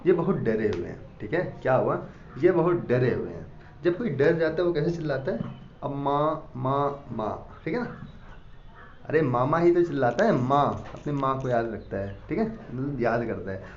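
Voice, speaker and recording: A man's voice: a little high, a little mellow, slight background noise. Man teaching memory tricks, echoey room. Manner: repeats questions and answers them himself. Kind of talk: classroom lecture with mnemonic stories. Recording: echoey, dull lo-fi room sound.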